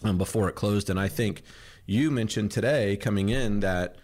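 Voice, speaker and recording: Guy hosting a podcast from his kitchen, low voice, chatty and rambling. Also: moderate pace, a little mellow. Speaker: podcast host. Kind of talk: casual chat. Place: home kitchen.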